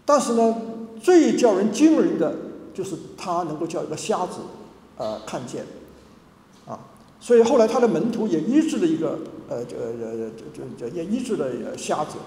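A man from Hong Kong delivers a sermon in an animated, high-pitched voice that swoops up and down. He speaks emphatically, stumbling into fillers and restarts. The sound carries a long echoing reverb of a church hall. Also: moderate pace, a little hiss or hum. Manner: lively, emphatic preaching with many fillers and restarts. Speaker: pastor.

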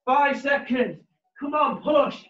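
Male fitness coach, gym-bro hype, very high pitch, short energetic commands, echoey living room, muffled distant audio. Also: takes it slowly. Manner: energetic, exerting himself while exercising. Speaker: personal trainer leading a home workout. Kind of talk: live workout instruction. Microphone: far camera mic across the room. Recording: roomy, muffled, distant home camera audio.

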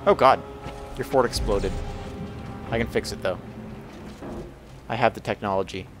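A man's voice: lowish voice, normal speed, music in the background. A man hosting a gaming channel, joking playfully through casual let's-play commentary.

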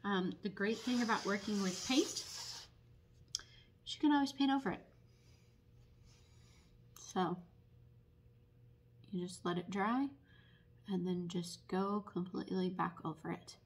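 A woman teaching barn quilt painting at a table in a casual, unhurried tutorial full of ums. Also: mid-range voice, slight background noise. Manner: unhurried, many ums, explanatory. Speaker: painting instructor and paint retailer.

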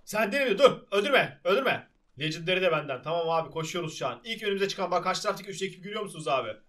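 Excitable young male streamer, high-pitched, bright and animated. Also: racing. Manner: excitable, shouting, laughing. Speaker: gaming channel host. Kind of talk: excited gameplay commentary.

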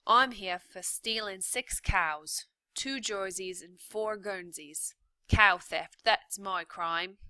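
A woman reading aloud, voicing a gruff, rough-spoken male prisoner with a blunt, loud manner. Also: mid-range voice, slow pace, no room sound. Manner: rough, blunt, louder delivery.

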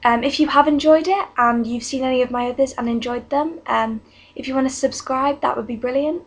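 Teen girl vlogger, fairly high, husky voice, chatty and exasperated. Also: brisk. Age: teens. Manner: exasperated, chatty, many restarts and "like". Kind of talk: casual ranting vlog. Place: bedroom at home.

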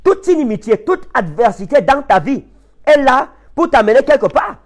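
A man with a Cameroonian French accent preaching a sermon, emphatic, swinging from high impassioned peaks to low quiet passages. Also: very animated, normal speed. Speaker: prophet preacher.

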